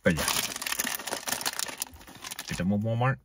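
A man's voice: on the low side, takes it slowly. A man in his thirties casually co-hosting a snack review in a parked car, crude and joking, crunching chips between remarks. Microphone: camera on dashboard, a little away. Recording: slightly distant, faint noise, bag crinkling.

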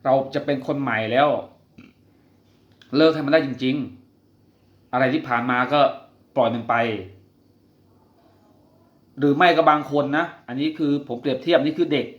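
A man's voice: medium pitch, steady tone, measured pace, long pauses. A man hosting a talk about quitting gambling, telling a personal story in an earnest, confiding way and putting direct questions to the listener. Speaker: podcast host speaking on quitting gambling. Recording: roomy, dull lo-fi sound.

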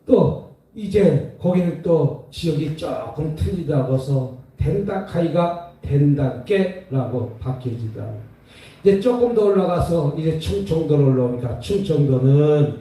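Echoey, distant pastor preaching. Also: male voice, fairly high pitch, animated, a little slow, dark tone. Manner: call-and-response preaching, repeats phrases. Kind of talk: revival sermon. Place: prayer retreat center hall. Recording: echoey hall, voice from far off.

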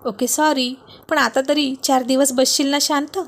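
A woman's voice: sits high, steady tone, moderate pace, fairly bright tone. Woman voicing a teasing practical young wife. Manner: light, teasing. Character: cheerful, practical young wife who laughs him off.

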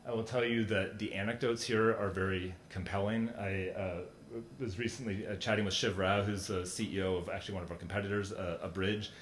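A man's voice: fairly even intonation, a little fast. A middle-aged man giving a conference keynote talk in a large hall, speaking conversationally with many fillers and restarts. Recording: echoey hall, faint rumble.

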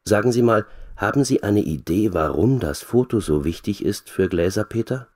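A man's voice: lowish voice, lively intonation, moderate pace, a little mellow, husky, voice pushed up. A man reading a glum, nervous photographer.

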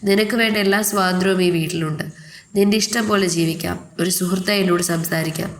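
A woman voicing a reserved young husband who speaks quietly and evenly in a storybook reading. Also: fairly low pitch, fairly even intonation, a little hiss or hum, natural voice. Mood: cool, detached. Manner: quiet, measured, cool.

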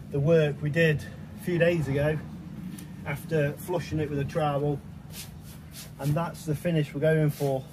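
A young adult bricklayer with a fairly high voice chats about his work for a vlog, filmed outside on a construction site with a noisy background. His talk is quick and plain-spoken.

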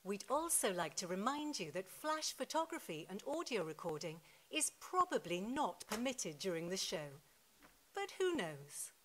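A woman making a formal, scripted theatre announcement into a studio microphone in a deliberate show-opening style. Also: mid-range voice, very animated, slight background noise. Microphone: large studio microphone.

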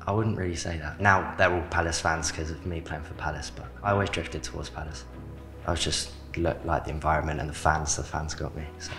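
A late-teen academy footballer from south London, with a South London accent, gives short, plain interview answers, using "like" as filler. His voice is rumbling and low with little pitch movement, a little fast, with vocal fry. He's on a handheld mic in an indoor club media studio, with background music.

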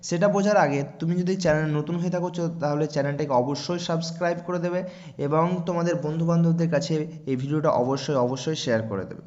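A man's voice: fairly high pitch, fast talker, darkish tone. A man with a Bengali accent teaching an exam-prep vocabulary lesson, repeating each word and often checking in with his students. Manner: repetitive, keeps checking in with students. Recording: dull lo-fi sound.

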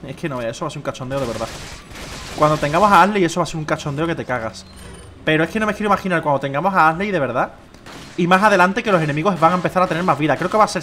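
A young man with a Spain Spanish accent, chatting slangily through his own gameplay, rambling and swinging between excited shouts and low muttering. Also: a little hiss or hum. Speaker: gameplay streamer. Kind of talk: casual gameplay commentary.

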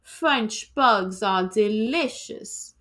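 Very slowly and at a medium pitch, a woman performs a children's storybook aloud. She reads with dramatic expression, like a teacher entertaining students.

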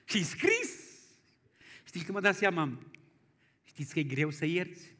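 A male pastor preaching a folksy storytelling sermon, moving from quiet asides to loud exclamations. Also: sits high, huge pitch swings, husky. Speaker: guest pastor.

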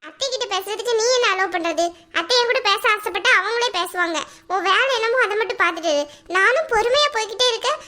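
A woman voicing a tearful young wife, high and bright. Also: lively intonation, fast, exaggerated voice. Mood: defiant. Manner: pleading, emotional. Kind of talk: animated family drama dialogue.

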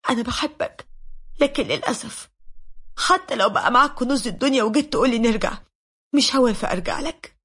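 A woman's voice: fairly high pitch, fairly quick, fairly bright tone, husky. A woman doing a hurt, pleading young wife. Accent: Egyptian.

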